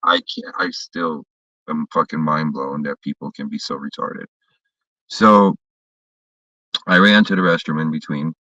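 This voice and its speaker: A man's voice: deep voice, bright, forceful tone, no room sound. A man in a casual chat, telling a story in a heated, profane way, heard from a distance on a dull recording.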